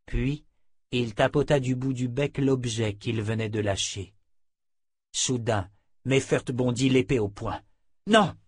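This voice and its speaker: Brief: steady male narrator reading a fantasy novel aloud, husky, dry studio sound. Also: medium pitch, dry recording. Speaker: audiobook narrator. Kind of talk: scripted fantasy audiobook narration.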